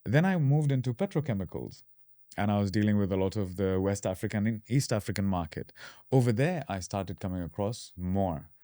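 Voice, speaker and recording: A man in his thirties from Dubai, guesting on a podcast and explaining things at an easy, relaxed pace. His voice sits very low and sounds warm and mellow. The room is dry, with no echo. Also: fairly quick. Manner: relaxed, explanatory, fillers and restarts. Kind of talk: casual interview.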